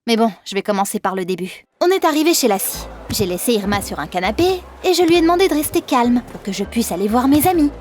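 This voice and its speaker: A woman narrating an animated first-person story in a lively, expressive, dramatic manner. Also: a little high, fast, hardly any pauses, soft background music.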